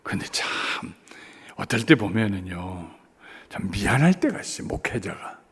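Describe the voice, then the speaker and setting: A man in his seventies preaching a revival sermon in a church, telling a story, shifting between hushed asides and rising emphatic appeals. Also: deep voice, sing-song, unhurried, breathy edge. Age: 70s. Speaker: guest revival preacher, pastor. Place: church sanctuary, evening service. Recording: long church reverb.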